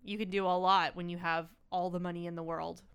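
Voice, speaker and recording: A woman's voice: on the low side, clear, resonant tone. A woman co-hosting a podcast, chatting casually and expressively about a film and laughing often. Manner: lively, expressive, quick to laugh. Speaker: podcast co-host.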